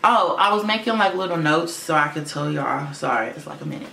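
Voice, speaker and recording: A young male vlogger rambles through a casual storytime monologue to camera, swearing and using lots of fillers; his expressive, gravelly, bright, forceful voice runs a little fast. He says it's low for a boy yet sounds like a girl's. He's in a room at home, with roomy echo and a faint fish tank filter hum.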